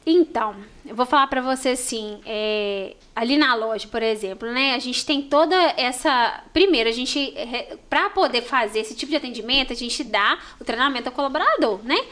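A store manager guest with a Brazilian Portuguese accent from Minas Gerais chats on a relaxed podcast, telling stories with warm, expressive animation. Her fairly high voice moves at normal speed with hardly any pauses.

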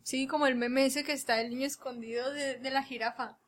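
A woman's voice: high-pitched, steady tone, fairly quick, a little hiss or hum. A woman, chatting casually and giving frequent short backchannels. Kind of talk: casual chat.

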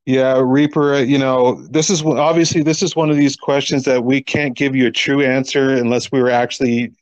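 A man's voice: medium pitch, fairly even intonation, a little fast, dry recording. A man co-hosting a casual sports podcast, making sarcastic points with rhetorical questions. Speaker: podcast co-host.

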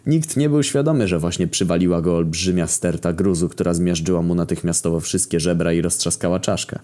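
A man narrating a crude, darkly comic story in a wry, deadpan way. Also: sits low, fairly quick. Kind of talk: casual profane story narration.

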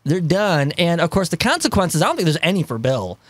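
A man talks through a movie with his friends in an animated, laughing, profane way. His voice sits high and swings widely in pitch. The sound is dry and close, with no room around it. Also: no room sound. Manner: animated, swearing, quick laughs. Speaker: podcast host. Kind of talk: casual chat.

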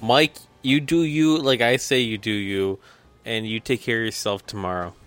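A man's voice: fairly low pitch, fairly even intonation, normal speed, fairly bright tone. A drunk man co-hosting a podcast, rambling and swearing through stories in casual banter. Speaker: podcast co-host.

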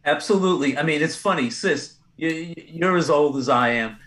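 An older man on a casual sports talk panel, measured and skeptical in his opinions. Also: on the high side, a bit bright, poor audio.

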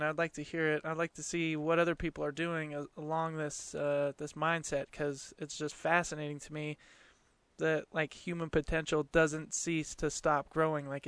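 A man's voice: fairly high pitch, fairly bright tone, smooth, dry recording. A man in his late twenties hosting a casual solo podcast from a small closet, talking in an informal, earnest, conversational way. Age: late 20s. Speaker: podcast host.

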